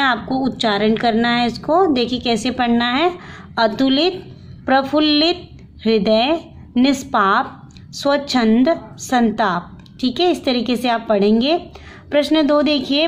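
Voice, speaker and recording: A woman teacher slowly reading out textbook questions and answers to children. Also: sits high, a little hiss or hum. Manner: slow and deliberate, reading answers aloud to children.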